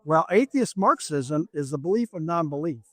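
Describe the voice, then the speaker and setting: Emphatic lecturing man, higher voice. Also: animated, moderate pace, fairly bright tone, no room sound. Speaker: political candidate. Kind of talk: campaign interview.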